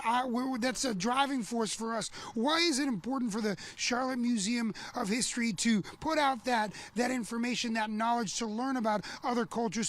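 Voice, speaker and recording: A man's voice: very high-pitched, fairly bright tone. A man in his forties, born in Peru, presenting an on-location news interview in an upbeat, chatty way with fillers. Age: 40s. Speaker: TV news reporter.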